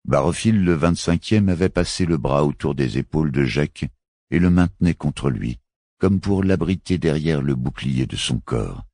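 Deep husky male audiobook narrator. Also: expressive, moderate pace, dark tone, dry recording, clean studio sound. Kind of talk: scripted narration.

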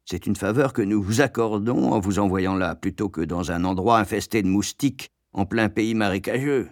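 Brief: stern, slow-spoken senior director, kindly underneath, low and dry, as a male narrator reads him. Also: dry recording, natural voice. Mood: measured, stern. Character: kind senior male company director, grave.

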